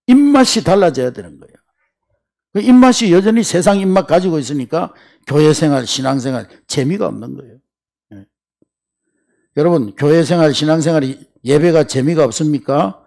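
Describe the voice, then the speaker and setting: A male pastor preaches in a church with a gravelly, slightly raised voice. He tells stories animatedly and slips into character voices for quoted lines. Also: high-pitched, a little mellow. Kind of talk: sermon. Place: church sanctuary.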